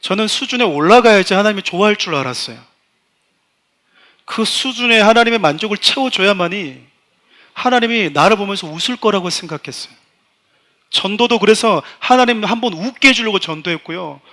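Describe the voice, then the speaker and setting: Bright-voiced middle-aged male pastor preaching. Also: high voice, animated, fairly quick. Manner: emotional confessional storytelling, often addressing the congregation. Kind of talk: sermon.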